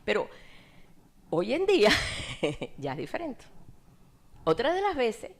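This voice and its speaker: A middle-aged Cuban woman preaching, telling a personal testimony in a lively storytelling way that climbs into emotional peaks. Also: on the high side, slow. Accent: Cuban Spanish. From Cuba. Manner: animated storytelling, laughs often, voice rises in emotional peaks. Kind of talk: sermon testimony.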